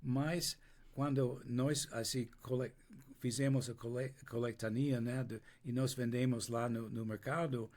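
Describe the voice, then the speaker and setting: Interviewed in Portuguese, which he speaks with an American accent, an older man from the United States whose first language is English relates his story slowly. He restarts often and pauses to search for words, in a medium-pitched, a little mellow voice with fairly even intonation.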